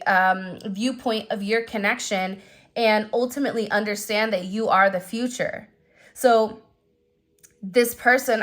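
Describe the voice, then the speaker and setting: A woman's voice: medium pitch, fairly bright tone. A woman giving an intuitive tarot reading in a conversational, emphatic way, speaking straight to the listener and repeating phrases for emphasis. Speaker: tarot reader. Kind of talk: intuitive tarot love reading, talking to the viewer.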